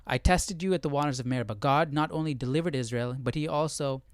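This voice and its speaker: A man hosts a casual Bible study livestream, thinking aloud informally and reading passages out as he works through them step by step. His voice is a little high and fast, captured in a dry recording with clean studio sound.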